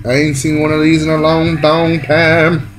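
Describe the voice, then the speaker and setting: Excited rambling Texan collector. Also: male voice, on the high side, moderate pace, low-quality recording. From Texas. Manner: excited, rambling, talks to himself while handling toys. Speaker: toy car collector vlogger. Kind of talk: casual unboxing vlog.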